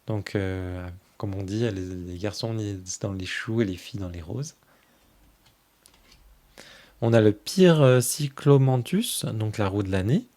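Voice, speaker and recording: A man hosting a tarot channel, casually flipping through a new oracle deck and fondly commenting on each card in a soft voice that often trails off. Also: on the low side, measured pace.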